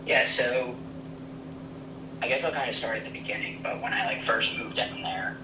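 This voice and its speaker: A young man speaking over a phone speaker held up to the microphone, chatting hesitantly with many pauses and fillers. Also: lowish voice. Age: young adult. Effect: heard over a phone speaker held to the mic. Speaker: friend called in as guest. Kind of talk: casual phone chat. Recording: distant roomy phone speaker, noisy.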